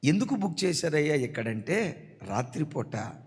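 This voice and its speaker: A man preaching a sermon in a husky, fairly high voice. He tells a story in animated fashion, quoting the people in it and calling on his congregation to answer. His voice rings with a long hall reverb. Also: normal speed. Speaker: pastor.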